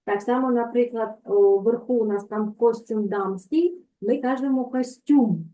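A woman's voice: on the high side, unhurried, dark tone. A woman teacher giving an online language lesson, explaining patiently and checking in often with her students. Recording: tinny phone-like call audio.

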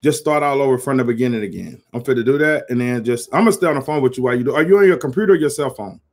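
Hosting a casual livestream interview over a video call from a small home office, a man speaks with lots of energy and hypes up his guest. Picked up by his webcam, his mid-range voice is darkish and very fast.

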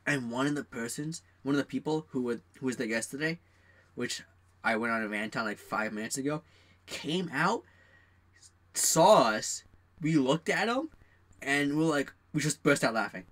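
Young male co-host, bright voice, animated rants about work, slips into quoted voices. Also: mid-range voice, moderate pace. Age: young adult. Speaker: podcast co-host. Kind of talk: casual chat.

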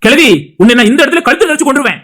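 A man's voice: very high voice, lively intonation, racing, sharp tone, soft background music, heavily acted. A performer voicing an angry young man defending his family in a cartoon, confronting and accusing. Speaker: brother. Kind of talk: animated cartoon voice acting.

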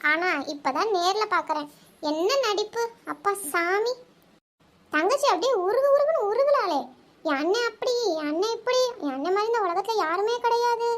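A woman voicing an outspoken, sarcastic young woman in a cartoon. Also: extremely high pitch. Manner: sharp-tongued, sarcastic. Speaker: cartoon character. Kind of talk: cartoon voice acting.

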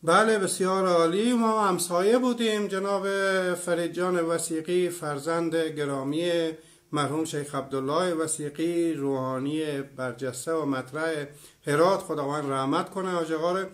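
A man from Iran in his fifties with a high-pitched voice leads an online lecture. He works through one example after another in a clear, explanatory manner. He often pauses to take up comments from his live audience. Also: steady tone. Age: 50s. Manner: explanatory, gives many examples; reads out and answers viewer comments.

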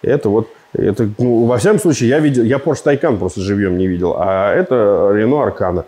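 A man's voice: fairly low pitch, brisk. A man in his thirties reviewing a car in a casual, joking, rambling way, recorded in a large indoor showroom on a lapel mic. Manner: joking, rambling, animated with gestures.

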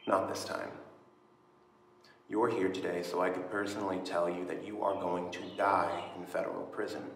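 A tough cop played by a young man runs a film interrogation in a low voice. He is menacing, deliberate and scornful, an FBI agent who likes to intimidate. The bare room echoes heavily with long reverb. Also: level tone, gravelly, a little hiss or hum. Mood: stern, threatening. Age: young adult. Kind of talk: acted film scene monologue. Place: small indoor concrete-block room.

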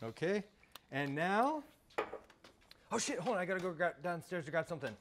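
A man's voice: high voice, very animated, moderate pace, a bit bright, a little hiss or hum. Laid-back young man showing a recipe. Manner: laid-back, walks through steps. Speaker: cooking show co-host. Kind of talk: casual cooking demonstration.

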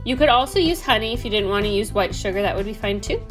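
A homesteading host in her thirties chats through recipe steps in her home kitchen for a casual cooking voice-over. Her mid-range voice is expressive and quick, with faint music behind.

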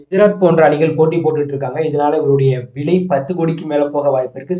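A man's voice: on the high side, warm tone. A man with a Tamil accent narrating a cricket channel voice-over, steadily listing teams and prices in an explanatory way. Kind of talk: voice-over on auction predictions. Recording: roomy, dull lo-fi voice-over.

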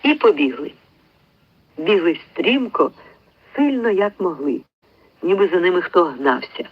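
A man with a notably high voice reads a literary story aloud in an expressive audiobook style. He tells it with lively storytelling and lifts his voice whenever a character speaks. The recording sounds dull and somewhat lo-fi. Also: unhurried, husky, dry recording. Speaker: audiobook reader.

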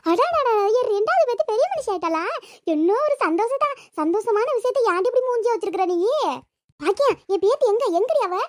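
A woman voicing a bossy, traditional old grandmother and mother-in-law in a village cartoon, giving sharp commands. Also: very high-pitched, expressive, brisk. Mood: delighted. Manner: scolding, commanding. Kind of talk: Tamil village cartoon voice acting.

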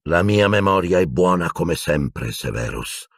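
Silente, a man doing a calm old wizard. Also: vocal fry, husky, no room sound, studio quality, exaggerated voice. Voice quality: slow, low and measured. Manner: calm, quiet authority. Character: calm, wise old male headmaster wizard.

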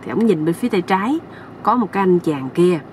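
A woman's voice: on the low side, animated, a little fast, recorded from a distance, background noise. A woman with a Southern Vietnamese accent hosting her channel, telling a folksy comic story to viewers. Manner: chatty, folksy, addressing viewers.

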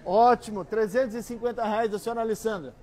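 A middle-aged man with a Brazilian accent working as an auctioneer, coaxing higher bids with repeated calls and pitching items to buyers. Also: steady tone, quick pace, a little mellow. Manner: repetitive, coaxing bid-calling. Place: large busy antiques store hall, indoors.

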